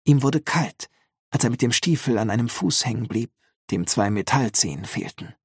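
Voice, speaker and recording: A man narrating an audiobook in a calm, measured storytelling manner. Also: medium pitch, slightly rough, no room sound, studio quality. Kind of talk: scripted narration.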